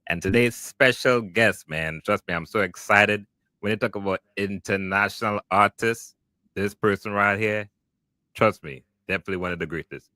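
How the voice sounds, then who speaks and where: A man hosts a podcast interview, chatting casually and enthusiastically and often repeating words like "wow" and "okay." His lowish voice is bright and forceful at a normal speed, with no echo.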